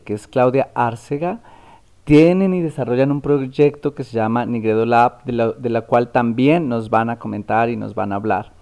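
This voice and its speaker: A male talk show host who chats affectionately and wanders, restarting his phrases. His voice is dark and mellow, at a middling pitch. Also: clean tone. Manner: rambling, self-correcting, affectionate. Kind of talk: casual interview hosting.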